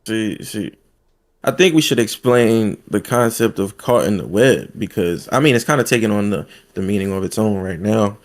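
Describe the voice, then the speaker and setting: A man's voice: on the low side, normal speed. A man co-hosting a podcast in casual chat, talking emphatically with repetition and loose slang. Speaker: podcast co-host.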